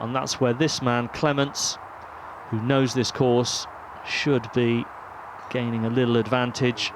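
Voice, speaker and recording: A man giving golf commentary as a tournament commentator. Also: medium pitch. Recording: noisy outdoor ambience behind voice.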